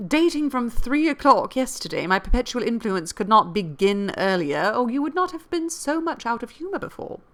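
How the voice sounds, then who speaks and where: A woman reading the lines of a clever, playful young lady in a classic novel, in a brisk teasing way. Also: fairly high pitch, sing-song, voice pushed up.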